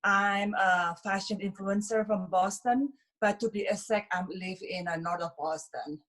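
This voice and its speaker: A chatty Indonesian woman, a fashion influencer, answers interview questions casually, sprinkling in lots of fillers like "you know" and "like." Her mid-range voice is a bit bright and her pace measured.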